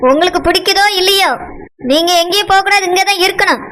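A woman's voice: very high-pitched, fairly even intonation, quick pace, sharp tone, rough recording. A woman voicing a domineering middle-aged village mother in a cartoon, scolding and insistent, with a Tirunelveli Tamil accent. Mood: stern, bossy. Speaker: mother of Anu. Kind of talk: cartoon voice acting.

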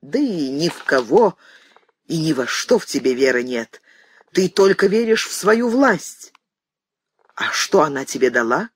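A woman's voice: deep voice, big pitch swings, unhurried, breathy edge, exaggerated voice. A woman reading an audiobook voices an anguished grown son, weary and pleading, who turns bitter with his mother. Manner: pleading, restrained, then bitter.

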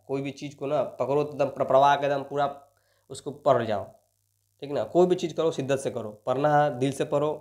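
A man's voice: medium pitch, darkish tone. A young man, a coaching teacher who solves exam questions and keeps coaxing his students, tagging his sentences with a constant "right?". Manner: repeats "ठीक ना" as a tag, coaxing and motivational. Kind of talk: lecture solving exam questions.

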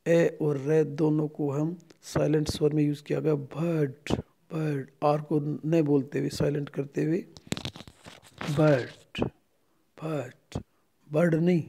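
A man's voice: a little high, gravelly, dark tone. A middle-aged man with an Indian accent, a native Hindi speaker, teaching a phonetics lesson. He repeats each word aloud several times as he drills the vowel sounds. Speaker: English lecturer.

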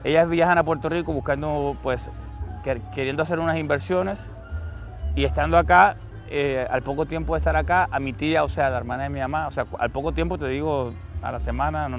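A middle-aged man from Argentina, an interview guest talking earnestly with many pauses and restarts. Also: mid-range voice, fairly even intonation, faint music behind. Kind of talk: conversational interview. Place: outdoors.

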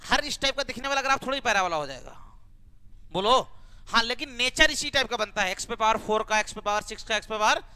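Bright high-voiced male coaching teacher. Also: clear, resonant tone. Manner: coaxing, repeatedly urging students to answer; rhetorical questions and homely examples. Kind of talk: classroom maths lesson. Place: classroom.

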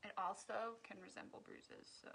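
A woman talks through a makeup tutorial from her home, streamed live. She chats loosely and cracks jokes at her own expense. Her voice sits at an ordinary middle pitch. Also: fairly even intonation, normal speed, gravelly, fairly bright tone, a little hiss or hum. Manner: chatty, joking, laughs at her own jokes. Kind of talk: casual livestream makeup tutorial.

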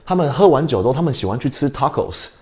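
A man's voice: medium pitch, sing-song, quick pace, darkish tone. A young adult man from Canada teaching an English lesson on a livestream, switching between Mandarin and English and quizzing his viewers.

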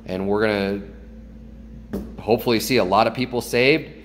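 Standing indoors in his kitchen at home, a thirtysomething pastor holds a phone at arm's length and delivers a casual church announcement, earnest and upbeat with a few small restarts. He speaks in a lowish voice with fairly even intonation and moderate pace, sounding as if in a large hall, with a little hiss or hum.

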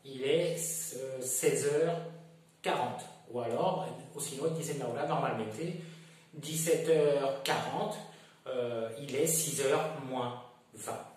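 A man teaching French to Spanish speakers, explaining slowly and repeating each example, switching between French and Spanish. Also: mid-range voice, a little mellow. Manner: slow, repetitive explaining, mixing French and Spanish. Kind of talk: bilingual classroom lesson. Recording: echoey room from far off.

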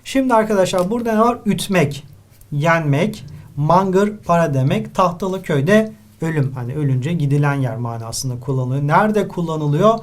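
Turkish teacher working through an exam. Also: male voice, on the high side, lively intonation, moderate pace. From Turkey. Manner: explains step by step, addresses students often, writes while talking. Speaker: literature teacher. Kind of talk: exam-review lesson.

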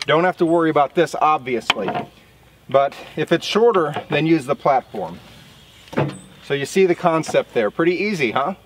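A man's voice: fairly high pitch, animated, normal speed, noisy background. Easygoing man explaining outdoors at a sawmill. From southern Indiana. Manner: casual, explanatory, folksy. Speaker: sawmill operator. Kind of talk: outdoor how-to vlog.

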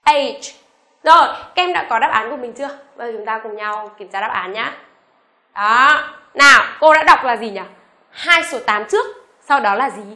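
A woman teaching an online beginners' lesson, asking the class questions and reading each letter slowly for them to repeat. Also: a little high, animated, bright, forceful tone, roomy sound. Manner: asks the class rhetorical questions; reads letters aloud slowly for repetition. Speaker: English teacher.

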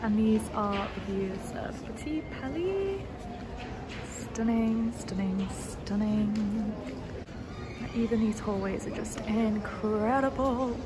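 A woman's voice: medium pitch, expressive, takes it slowly. A young woman in her twenties, chatting and gushing in a casual travel vlog, filmed on a phone at arm's length outdoors in a city. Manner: chatty and gushing, repeats stunning. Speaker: travel vlogger. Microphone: phone held at arm's length. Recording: loud street traffic noise. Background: city traffic and street noise.

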